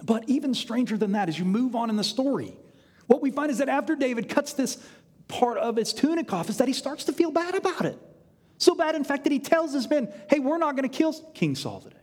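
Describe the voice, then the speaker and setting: A man with a high, bright voice delivers a sermon, animated and joking as he retells the story. He often drops suddenly to a hushed voice for effect. His voice rings out in a hall with long reverb. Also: fairly quick, breathy edge. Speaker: pastor.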